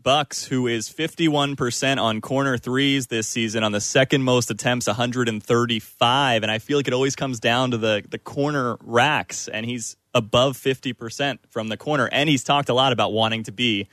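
A man's voice: medium pitch, fairly even intonation, moderate pace, hardly any pauses, fairly bright tone, dry recording. Male sports radio host, mid-range voice, dry studio, conversational discussion.

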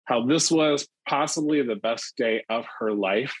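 A man who leads an employee resource group, speaking as a panelist in a live discussion and telling stories in a measured, reflective way with "you know" fillers. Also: mid-range voice, breathy edge, no echo, poor audio. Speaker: ERG leader, panelist.

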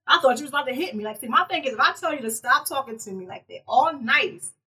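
Woman, podcast panelist, lively storyteller, bright tone, slightly off-mic. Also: sits high, fast, recorded from a distance. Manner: animated storytelling, acting out quotes. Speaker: podcast guest. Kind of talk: casual chat.

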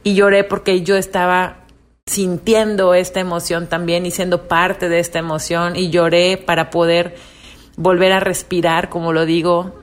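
A woman's voice: lowish voice, level tone, normal speed. A young woman hosting a reflective monologue podcast, earnest and confiding. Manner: earnest, confiding, acts out quoted voices. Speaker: podcast host.

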